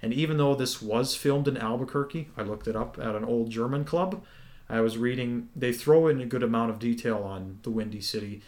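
A man co-hosting a podcast, recapping a TV episode in a relaxed, casual way with lots of ums. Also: medium pitch, brisk. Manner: relaxed, many ums, explains at length. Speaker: podcast co-host.

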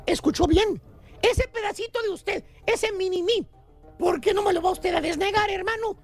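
High-voiced joking radio host. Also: male voice, normal speed, faint music behind. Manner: joking, teasing, playful storytelling with voices for other people. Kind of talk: comic radio banter.

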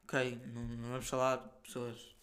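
A young man with a European Portuguese accent, hosting a casual solo podcast and telling stories in an animated, slangy way full of fillers and the odd swear word. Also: mid-range voice, normal speed. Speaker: podcast host.

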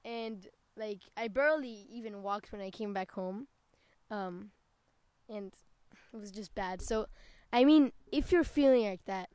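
A woman's voice: on the high side, a little mellow, clear, resonant tone, no echo. A young woman co-hosting a casual podcast, rambling with lots of "like" and stopping to correct herself. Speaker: podcast co-host. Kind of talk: casual chat.

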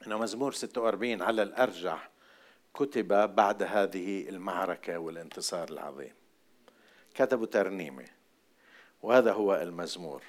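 Jordanian male preacher, lowish voice, sermon style that swings between hushed asides and forceful emphasis. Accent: Jordanian Arabic. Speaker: pastor.

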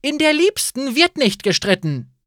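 A tough, bossy innkeeper woman barks orders in a high, ringing voice, put on by a male narrator. The storybook delivery is animated and lively. The sound is dry and close. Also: normal speed, dry recording. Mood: exasperated. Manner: loud, commanding. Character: brisk tough female innkeeper.

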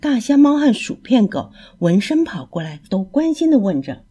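Mellow-voiced woman reading a kids' story. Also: fairly high pitch, moderate pace, husky. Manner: lively expressive narration.

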